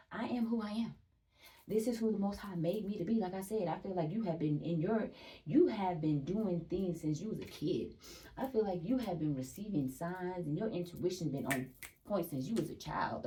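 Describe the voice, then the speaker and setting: A woman's voice: mid-range voice, creaky, dark tone, far from the mic. A young woman gives a casual spiritual energy reading, chatty and emphatic, repeating phrases, swearing and laughing often.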